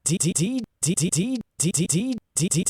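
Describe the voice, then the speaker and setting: A man's voice: sits high, sing-song, normal speed, mellow, breathy edge, dry recording, pitched above the performer's own voice, heavily acted. A man's recorded DJ drop announcement, played back with a chopped stutter edit that repeats clipped syllables. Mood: hyped. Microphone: home studio mic, played back from editing software.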